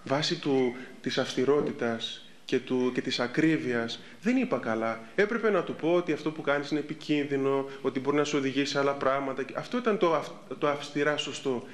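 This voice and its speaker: A man's voice: mid-range voice, hardly any pauses. Man preaching, voice echoing in a room. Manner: lively storytelling, acting out the people in his stories. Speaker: Orthodox priest. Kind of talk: sermon. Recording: echoey room.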